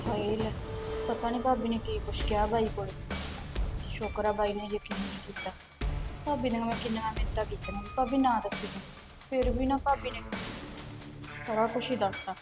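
A woman's voice: fairly high pitch, fairly even intonation, a little fast, pauses often, loud music behind the voice, natural voice. An actress playing a frightened young woman who pleads with her sister-in-law, with a Punjabi accent. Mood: worried. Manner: pleading, defensive. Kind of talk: village web-series drama.

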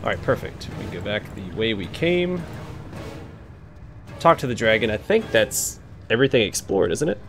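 Low-pitched man giving casual game commentary. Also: sing-song, moderate pace. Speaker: let's play host. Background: game music.

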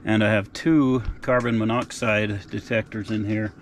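Laid-back middle-aged man vlogging, low voice. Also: steady tone, measured pace, a little hiss or hum. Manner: laid-back, folksy updates. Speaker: outdoor vlogger. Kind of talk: casual vlog narration. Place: frozen lake outdoors and inside an ice-fishing tent.

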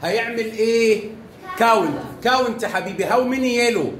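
A man's voice: extremely high pitch, brisk, a bit bright. A man with an Egyptian Arabic accent teaching math to young children, coaxing them along with lots of praise and pet names. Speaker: primary school math teacher. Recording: echoey room, faint background noise.

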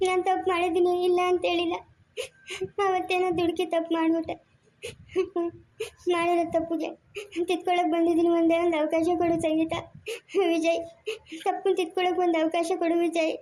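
A remorseful mother begs tearfully for her child back, played by a woman in an amateur family skit. Her voice sits very high and runs fast, thick with pleading. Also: monotone, a little mellow. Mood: begging.

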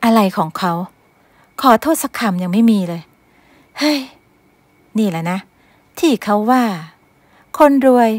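A woman's voice: animated, a little slow, long pauses, no echo, natural voice. A woman voicing a timid young maid who answers her boss in a flustered, apologetic way. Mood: grumbling. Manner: flustered, apologetic, high-voiced.

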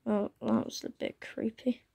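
Holding her phone up to film her laptop screen, a young woman who hosts a gaming channel offers casual commentary as she plays, her croaky voice warm and measured. She's chatty and exclaims a lot, recording at home while it rains outside.

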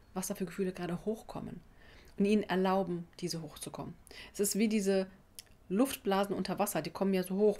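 Female presenter, thirties, native Arabic speaker, medium pitch, direct and conversational self-help explainer. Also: darkish tone. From Tunisia. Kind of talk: informal explanatory talk to camera. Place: small office indoors.

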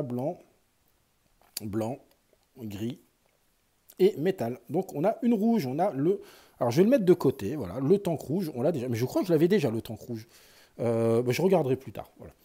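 A man's voice: mid-range voice, warm tone, slightly rough. A man giving casual running commentary as he opens sticker packs, chatty and thinking aloud. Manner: chatty, thinks aloud, lots of fillers and sighs. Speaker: YouTuber opening sticker packs.

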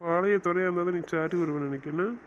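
A man's voice: high-pitched, fast, close to an everyday voice. Cast a man as a bossy, teasing young husband for an audio romance series, muffled home recording with faint hiss. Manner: teasing, scolding banter.

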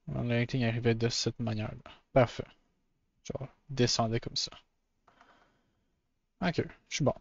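A man's voice: medium pitch, fairly even intonation, unhurried, creaky, long pauses, dry recording, highs cut off. A man with a Québécois French accent chatting casually on a live stream while drawing, often stammering and restarting, with English words mixed in.

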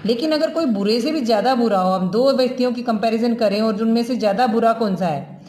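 A woman teaching English grammar to school students, explaining slowly and repeating example words, often asking if they understand. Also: a little high, a little mellow, slight background noise. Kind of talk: classroom lesson in Hindi-English mix. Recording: echoey room.

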